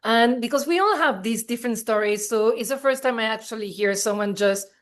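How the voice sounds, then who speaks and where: A woman's voice: a little high, brisk. A woman hosting an interview podcast, introducing her guest with enthusiasm. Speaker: podcast host.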